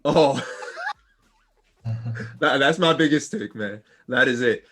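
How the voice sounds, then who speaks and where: A man co-hosting a casual gaming podcast, laid-back and laughing, getting animated as he rants. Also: mid-range voice, slow, a little hiss or hum. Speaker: podcast co-host.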